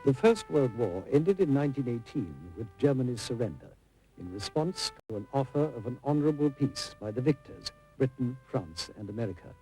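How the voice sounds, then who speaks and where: A man narrates a history documentary from a script. His mid-pitched voice rises and falls widely, with music clearly underneath. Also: lively intonation, a little fast, low-quality recording. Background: prominent music.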